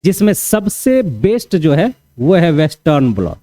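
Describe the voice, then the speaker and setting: A man lectures a class in a relaxed, conversational way, circling back over each point and checking that students follow. His voice sits fairly high and sounds warm and mellow. The recording is dry and close. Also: measured pace, no room sound. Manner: repetitive, conversational teaching with frequent "theek hai" check-ins. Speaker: teacher. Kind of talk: classroom lecture for exam preparation.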